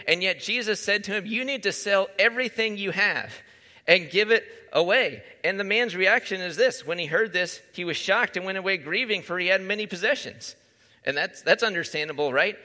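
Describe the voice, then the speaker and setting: Bright-voiced man preaching in a hall. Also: high voice. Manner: conversational, asks the listeners questions. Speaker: pastor. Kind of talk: sermon.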